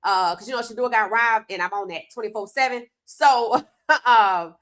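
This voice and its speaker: A woman hosts a casual sports podcast, a little congested from a cold, chatting loosely and talking straight to her viewers. Her voice is a little high and a bit bright, at a moderate pace.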